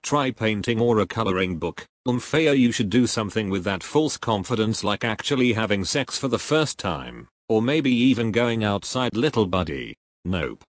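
A man's voice: on the low side, big pitch swings, moderate pace. A man reading text messages aloud as a voice-over for a gaming video. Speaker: video creator.

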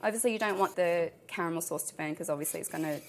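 In her thirties and Australian-accented, this cooking show contestant casually walks through a family recipe as she cooks, chatty and full of fillers. Her voice is lowish and quick, with a little hiss or hum, and the setting moves from an indoor home kitchen to a restaurant kitchen.

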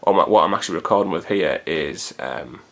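In a hot room at home, a vlogger chats to the camera in a rambling, casual way, recorded on his camcorder's built-in mic. His voice sits low and moves fairly quickly.

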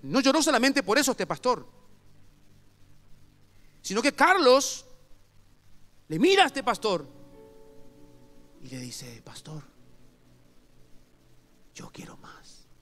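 A man preaching a sermon as pastor, telling a story with hushed asides and loud bursts. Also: extremely high pitch, slow pace, long pauses, faint music behind. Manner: animated storyteller, swings between hushed asides and loud outbursts. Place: church service.

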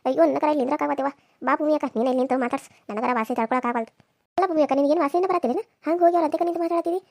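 A spoiled young village woman in a cartoon serial, voiced by a woman. She sneers and complains in a high, rapid voice. The recording is dry. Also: gravelly, darkish tone, no room sound. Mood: disgusted.

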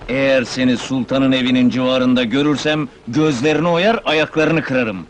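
An actor playing a hot-headed young minibus driver, blustering and threatening, in a 1970s film. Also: male voice, medium pitch, fairly even intonation, moderate pace, slight background noise, close to an everyday voice. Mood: raging. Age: young adult. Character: hot-headed young neighborhood ladies' man.

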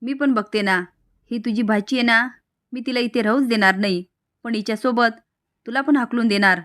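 A woman's voice: a little high, moderate pace, a bit bright, no echo, clean studio sound, lightly acted. A woman voicing a domineering, boastful mother-in-law in a serial retelling. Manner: boastful, scolding. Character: domineering proud middle-aged mother-in-law.

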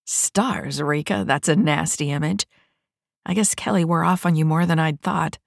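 A woman voicing a tough, blunt female mech corporal who talks in a gruff, growling way, in an audiobook. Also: low-pitched, normal speed, no echo, clean studio sound.

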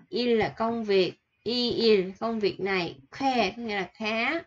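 A woman teaching vocabulary, repeating each word and example sentence and then explaining it slowly. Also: medium pitch. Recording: slightly dull, lo-fi sound.

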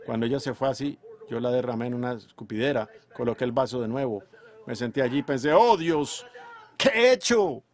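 A man preaching a sermon, emphatic, moving between loud declarations and hushed storytelling. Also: mid-range voice, level tone, fast. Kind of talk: fervent sermon delivery.

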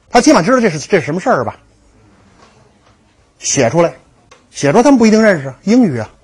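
A man with a slightly high, breathy-edged voice gives a history lecture to a class. He tells stories, makes jokes, and acts out the dialogues.

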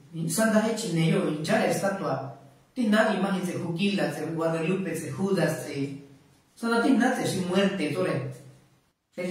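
A man preaching a sermon, switching between Mazatec and Spanish, with rising questions and lots of repetition. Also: high voice. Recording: echoey room, voice far from mic.

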